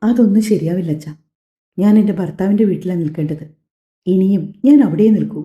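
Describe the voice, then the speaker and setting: A woman voicing a young married daughter who calmly reassures her parents and stands firm, in an audio story. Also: fairly low pitch, fairly quick, natural voice. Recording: echoey, slightly dull home recording.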